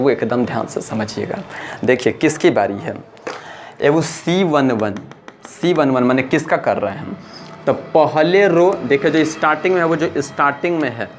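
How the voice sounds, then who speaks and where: A male math teacher, pitched at a middling level for a man. He walks through each step slowly and repeats it, urging the class to watch closely. A faint hiss of noise sits under the voice. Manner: patient, repeats steps and urges listeners to pay attention. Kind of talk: blackboard math lesson.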